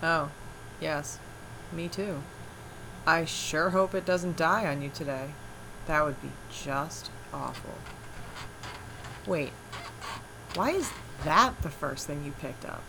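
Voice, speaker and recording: Deadpan sleepy wife, lowish voice, noisy room ambience. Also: female voice, slow, creaky, long pauses, full character voice. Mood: dry. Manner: dry, deadpan. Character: groggy dry-humored wife before coffee. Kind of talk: audio drama acting.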